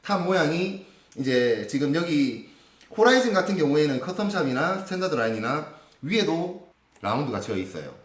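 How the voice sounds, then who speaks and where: A man's voice: on the high side, big pitch swings, echoey room. A man hosting a guitar channel, explaining guitar specs in a casual gear review chat. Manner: explanatory, measured, frequent affirmations. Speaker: guitar lesson channel host.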